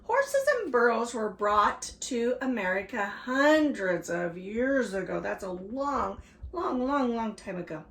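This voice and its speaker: An older woman reading a picture book to her grandchildren, stopping for animated asides to young listeners. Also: on the high side, slow pace. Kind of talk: read-aloud story time. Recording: roomy echo, faint background hiss.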